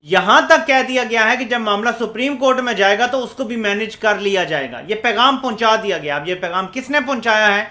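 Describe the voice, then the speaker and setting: A man's voice: high-pitched, lively intonation, brisk, hardly any pauses, sharp tone. A man giving TV political commentary in an insinuating tone, posing leading rhetorical questions. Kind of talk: TV news commentary.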